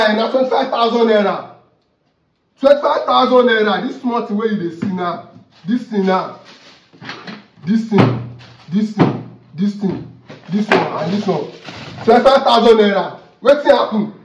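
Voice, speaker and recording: Ranting young Nigerian man, high-pitched. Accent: Nigerian Pidgin. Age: young adult. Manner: animated, gesturing, ranting, repeating questions. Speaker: comedy vlogger. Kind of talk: comic rant to camera. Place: indoor office room. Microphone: far camera. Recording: roomy, distant, dull camera audio.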